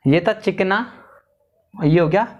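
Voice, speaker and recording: A man teaching a lesson on vowel signs, slowly repeating and sounding out each syllable. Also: sits high, dull audio. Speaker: Hindi teacher.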